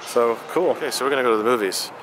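A man's voice: mid-range voice, rapid-fire, a crowd in the background, low-quality recording. A man in his thirties chatting upbeat to a handheld camera, outdoors on a trip. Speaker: travel vlogger. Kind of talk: casual travel vlog. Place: outdoors in a town, also driving in a car. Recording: street and car noise behind. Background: traffic and outdoor ambience.

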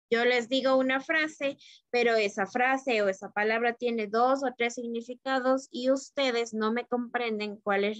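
A woman teacher walks her class through language terms in a patient, explaining manner, stopping often to check that they follow. Her voice sits a little high and the sound is close and dry, with no room around it. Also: fairly bright tone, no echo, dull audio. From Ecuador. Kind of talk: online literature lesson.

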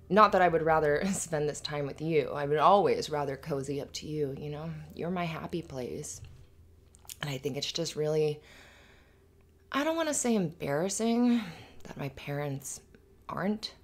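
A woman with a low-pitched voice plays an affectionate, giggly young roommate and girlfriend in an intimate roleplay audio. She talks in a halting, rambling, conversational way, sounding hesitant and sincere.

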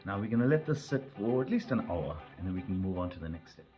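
A middle-aged man with a Durban Indian South African accent, casually hosting a cooking demonstration with relaxed step-by-step instructions. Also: sits low, fast talker. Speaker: cooking show host. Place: home kitchen, indoors.

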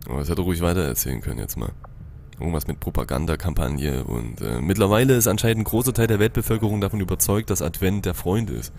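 A man's voice: deep voice, expressive, quick pace, gravelly, darkish tone, a little hiss or hum. A young man giving casual, slangy gameplay commentary, thinking aloud into a headset. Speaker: gaming let's-player. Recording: game music behind.

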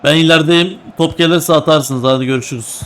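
A young man commentating his own online football match with teammates, excitable and joking, trash-talking and repeating his calls. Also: a little high, quick pace. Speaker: gaming YouTuber. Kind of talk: live gameplay commentary with teammates.

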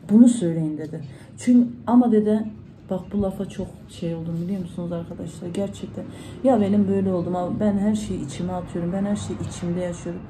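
A woman's voice: mid-range voice, mellow, a little hiss or hum, rough recording. A woman vlogger, chatting casually to her followers at home and retelling conversations in reported speech. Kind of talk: casual vlog talk to followers.

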